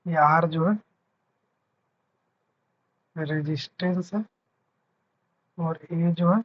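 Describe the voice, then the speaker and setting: A man's voice: a little high, very slow, highs cut off. A man teaching a physics lesson, patiently repeating points and checking that his students understand. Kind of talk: explaining a lesson.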